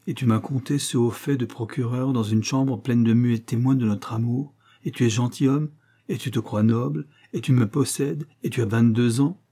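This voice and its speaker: An earnest young wife pours out a tender, moralizing letter, read by a man. The voice is dark and mellow with a husky grain, steady and solemn. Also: mid-range voice, moderate pace, natural voice.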